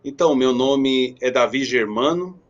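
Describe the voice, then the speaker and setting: A man in his thirties from Brazil, a pastor guest answering interview questions in a friendly, quick, slightly hesitant way. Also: mid-range voice, lo-fi sound.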